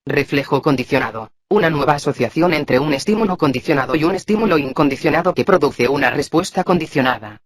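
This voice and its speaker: A man reading a psychology lesson aloud in a steady scripted way, sounding out abbreviations letter by letter. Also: a little high, fast, hardly any pauses. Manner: even, flat reading that voices abbreviations letter by letter. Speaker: textbook reader.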